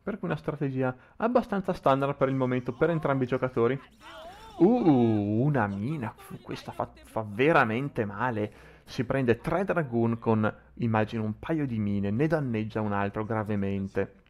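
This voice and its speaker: A man provides live play-by-play for a video game match. His voice sits at a medium pitch. He thinks aloud as he follows the action, often doubling back and repeating words mid-sentence. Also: animated, normal speed. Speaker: esports commentator.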